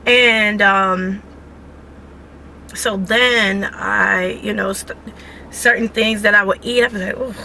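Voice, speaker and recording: A woman tells a story in a lively, chatty way, packed with fillers. Her voice is bright and clear, at a middle pitch. A faint hum sits behind her. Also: takes it slowly, pauses often. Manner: animated, chatty, many fillers. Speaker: vlogger, mother. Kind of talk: casual storytelling.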